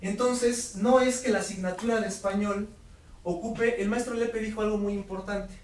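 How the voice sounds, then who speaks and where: High-voiced man lecturing in a roomy hall. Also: normal speed. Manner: lively, asks the audience questions. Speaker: workshop lecturer. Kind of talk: lecture to teachers. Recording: roomy hall audio from far off, faint noise.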